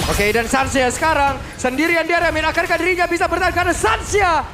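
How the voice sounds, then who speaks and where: High-pitched Indonesian male game announcer, shouting excitedly. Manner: excited, drawn-out shouted calls. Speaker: esports match commentator. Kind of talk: fighting game announcer style play-by-play commentary. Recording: music under the voice. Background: music.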